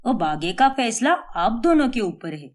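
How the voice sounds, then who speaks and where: A woman's voice: a little high, big pitch swings, unhurried. A woman voicing a middle-aged male family friend in a cartoon story, speaking confidently and persuasively. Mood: eager.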